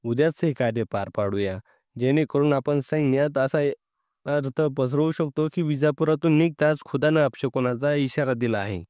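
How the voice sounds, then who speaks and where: Calm, scheming male spy, voiced by a male narrator with a smooth, dry voice. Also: mid-range voice, normal speed, no echo, natural voice. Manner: calm, plotting. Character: thoughtful male spy in enemy camp.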